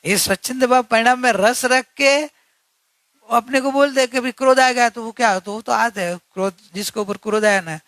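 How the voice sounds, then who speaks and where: High-voiced man, earnest discourse. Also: moderate pace, a bit bright, no room sound. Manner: earnest, repetitive, asks rhetorical questions. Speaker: spiritual teacher. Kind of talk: religious discourse.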